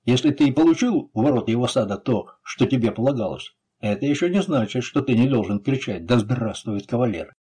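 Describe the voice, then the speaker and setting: A man reading an audiobook voices a bold, fierce captain who talks forcefully and threateningly. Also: mid-range voice, animated, fairly quick, few pauses, breathy edge.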